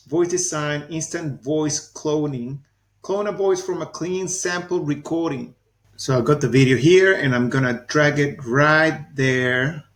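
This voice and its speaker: A man in his forties with a soft Venezuelan accent, talking casually through a software tutorial and thinking aloud as he clicks. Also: on the high side. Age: 40s. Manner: chatty, laughs easily, thinks aloud while clicking. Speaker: YouTube tutorial host. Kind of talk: casual screen-recorded tutorial.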